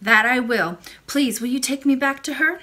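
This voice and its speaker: A woman's voice: high-pitched, moderate pace, pushed and bright. A woman doing a curious little princess. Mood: eager. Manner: eager questioning, sometimes whispered.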